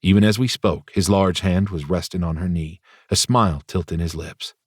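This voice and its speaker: A man's voice: low-pitched, steady tone, moderate pace, husky, dry recording. A man reading a first-person audiobook in a wry, dryly humorous way, close to the mic. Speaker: audiobook narrator.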